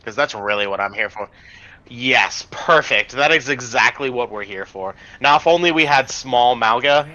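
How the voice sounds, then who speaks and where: A man's voice: mid-range voice, moderate pace, bright, forceful tone, dull audio. A man casting an amateur video game match with playful, rambling play-by-play commentary full of ums. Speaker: esports caster.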